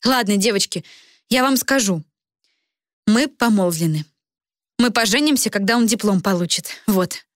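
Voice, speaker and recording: A woman's voice: medium pitch, moderate pace, pauses often, dry recording, studio quality, close to an everyday voice. A woman voicing a cheerful, lovestruck young woman student in an audiobook who chatters dreamily. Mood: earnest.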